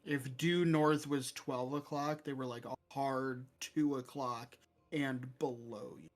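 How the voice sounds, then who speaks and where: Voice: medium pitch, fairly even intonation, slow. A game master running a tabletop game and giving plain, matter-of-fact rulings.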